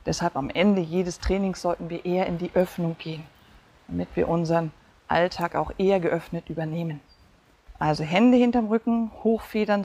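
A woman talks a listener through a back-mobility routine in a calm, guiding voice. She gives short cues and counts down repetitions. A faint hiss sits under the recording. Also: mid-range voice. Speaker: fascia movement coach. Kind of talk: guided exercise instruction.

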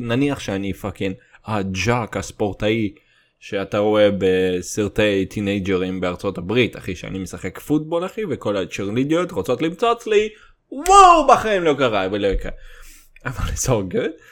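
A young man with a Russian accent in his Hebrew, rambling casually and comedically in crude slang, swearing and dropping in English words. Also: lowish voice. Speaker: solo host.

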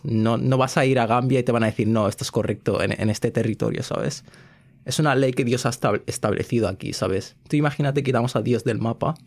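A young man hosting a podcast, talking earnestly in laid-back slang. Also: medium pitch. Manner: earnest, laid-back slang, frequent "¿sabes?" and English fillers. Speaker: podcast host. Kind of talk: casual chat.

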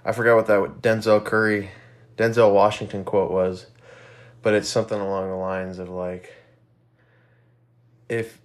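A young man talks alone on his own podcast in a lowish voice, his nose stuffed up and his breath still a little short. He rambles in a reflective, loose way, full of fillers and the odd casual swear word. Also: little pitch movement, a little slow, pauses often. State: slightly out of breath. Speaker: podcast host. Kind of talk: casual solo podcast monologue.

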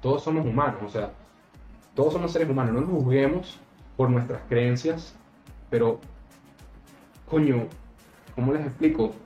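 A man hosts a casual podcast, speaking bluntly and with emphasis, swearing freely. His voice sounds mid-pitched for a man. The recording is roomy and slightly dull, with faint music underneath. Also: moderate pace, pauses often, darkish tone. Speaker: podcast host.

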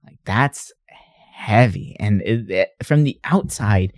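A man with a fairly low voice chats casually as a podcast co-host. He tells stories with energy and slips into voices when he quotes people. The sound is dry and close, with no room around it. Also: slow, dry recording. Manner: animated storyteller, puts on voices in retellings.

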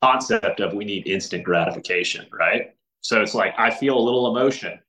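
A man's voice: lowish voice, brisk, pushed and bright, rough recording. A man as a podcast guest, talking earnestly in casual conversation with frequent restarts and filler words.

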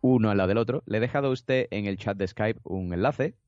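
Chatty podcast host, low voice. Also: male voice, quick pace, a little mellow, dry recording. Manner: enthusiastic, chatty, playful. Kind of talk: casual podcast chat. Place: home, over a Skype call. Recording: dry, slightly dull call audio.

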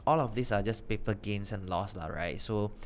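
A man's voice: fairly low pitch, moderate pace. A man with a Singaporean accent talking emphatically in a casual discussion, tagging phrases with "right" and "lah". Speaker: panelist on a crypto investing show.

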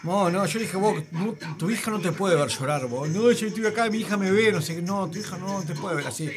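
Rambling, high-voiced man on radio. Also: fairly quick. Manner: rambling, emphatic storytelling with frequent filler words. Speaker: radio host. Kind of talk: casual radio banter.

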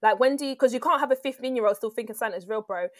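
A young woman chatting casually as a co-host, telling animated stories at speed. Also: a little high, no echo. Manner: fast, animated storyteller. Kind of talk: casual chat.

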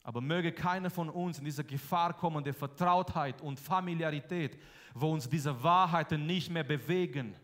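Male preacher with a high voice and an emphatic, repetitive delivery, in a church hall with long reverb. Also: normal speed. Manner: emphatic, repeats key phrases, swings between loud and soft. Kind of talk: sermon.

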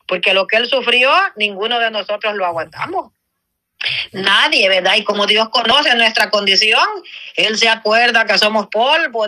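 A woman's voice: fairly high pitch, sharp tone. A woman telling her personal faith testimony in an earnest storytelling manner, acting out what others said. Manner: earnest storytelling with quoted dialogue. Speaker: church member giving testimony.

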